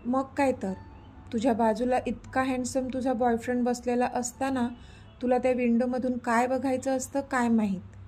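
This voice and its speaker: A woman's voice: fairly high pitch, flat delivery, moderate pace, darkish tone, soft background music, natural voice. A woman voicing a playful young man who teases and pleads with his girlfriend in a read-aloud story. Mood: pleading.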